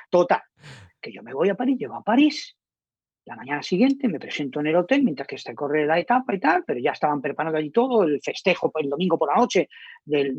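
A man's voice: high voice, dry recording. A middle-aged man from Spain, a radio journalist guest, animatedly telling an anecdote and acting out the dialogue he quotes. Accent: Spain Spanish. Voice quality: husky. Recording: dull lo-fi dry recording.

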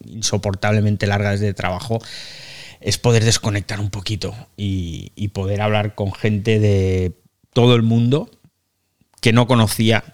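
A man's voice: lowish voice, a little mellow. A man with a Spain Spanish accent hosting a casual live audio chat, chatty and self-mocking, swearing casually as he talks into a phone mic. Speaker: podcast host.

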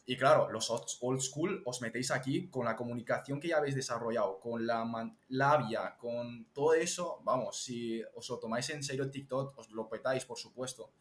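A young man from Spain, a TikTok strategist, chatting as an interview guest and explaining things lively with examples. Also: mid-range voice, moderate pace, few pauses. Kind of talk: casual interview chat. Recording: echoey room.

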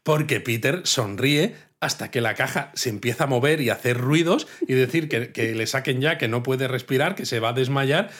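A man's voice: medium pitch, moderate pace, few pauses, fairly bright tone, breathy edge. A man, co-hosting a casual film review chat and adding details and references with enthusiasm. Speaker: podcast co-host.

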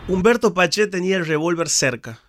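A man hosting and narrating a documentary podcast in a measured, grave storytelling tone. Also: high voice, expressive, a bit bright. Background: guitar music.

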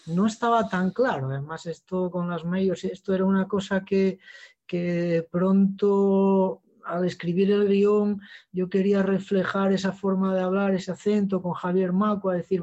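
A man with an Asturian accent, a guest on an interview, telling lively anecdotes with many halting restarts. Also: sits high, muffled recording. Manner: animated storyteller, halting restarts, acts out voices in anecdotes. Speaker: actor and writer, guest. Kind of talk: casual interview chat.

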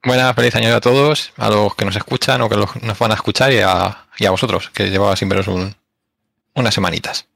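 A man's voice: fairly low pitch, fairly even intonation, a little fast, vocal fry, a bit bright, dry recording. A man co-hosting a podcast, throwing in wisecracks during casual chat. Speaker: podcast co-host.

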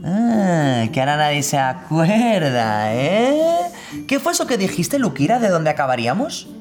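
A woman voicing a bossy, hot-tempered female inner voice that shouts and rants, over background music. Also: deep voice, very animated, unhurried. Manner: shouty, swings from pleading to murderous rants.

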